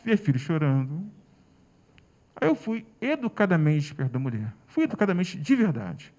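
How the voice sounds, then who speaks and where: Brief: a Brazilian male panelist, high-pitched and very expressive, telling a personal story with emotion. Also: normal speed. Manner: emotional, animated storytelling with acted-out dialogue. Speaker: public defender panelist.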